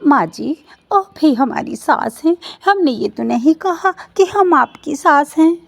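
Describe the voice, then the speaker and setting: A woman voicing young daughters-in-law who plead with their mother-in-law in an animated story. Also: slow, vocal fry, full character voice. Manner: pleading, high-pitched.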